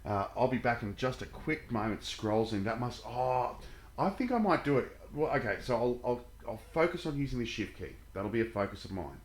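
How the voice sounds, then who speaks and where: A man's voice: medium pitch, animated, fairly quick. A man chatting casually on a live game stream, with blokey, sweary banter. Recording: roomy echo, background noise.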